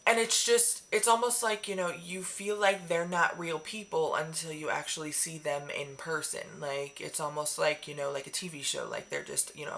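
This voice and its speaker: A woman vlogger chatting casually in a rambling, excitable way with many fillers. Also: deep voice, gravelly, a little hiss or hum. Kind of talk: casual chat.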